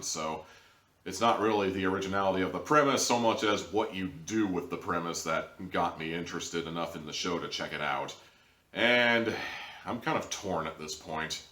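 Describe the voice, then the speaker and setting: His voice sits low with a sharp tone as this young adult show host reviews something to camera in an informal, rambling way, sometimes theatrical. The camera sits a few feet away in a small living room, so the sound is distant and roomy.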